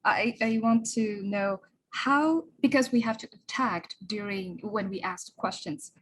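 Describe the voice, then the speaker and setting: A woman's voice: medium pitch, a little slow, a bit bright, breathy edge, low-quality recording. A woman attending a workshop, asking a question in a hesitant, polite way. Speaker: workshop participant.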